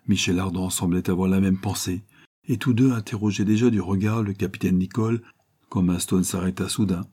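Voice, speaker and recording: A man narrates a classic adventure novel at a measured, even pace. His voice sits low and mellow, with a husky grain that softens every line. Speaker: audiobook narrator.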